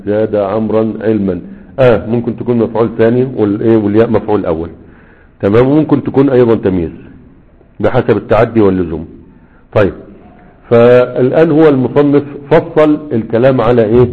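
A man's voice: on the low side, brisk. A man with an Egyptian accent teaching grammar, reciting verses and quizzing listeners with rhetorical questions. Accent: Egyptian Arabic. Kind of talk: recitation and explanation lesson. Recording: tinny phone-like sound.

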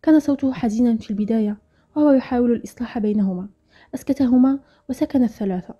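A woman narrating a story in a brisk, earnest storytelling manner. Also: a little high, warm tone. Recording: dull lo-fi audio with faint music. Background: faint music.

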